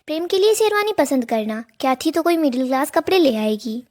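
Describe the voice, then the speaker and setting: A woman's voice: sits high, very animated, a little fast, a little mellow. A woman reading a bossy old grandmother. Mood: haughty. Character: proud, bossy elderly grandmother.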